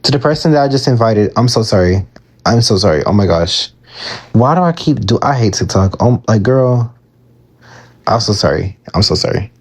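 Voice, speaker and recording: Gravelly low-voiced man chatting on a live stream. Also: animated, moderate pace. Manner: chatty, filler-heavy, reads out comments and answers them. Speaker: manifestation coach answering viewer questions. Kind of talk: casual live-stream advice.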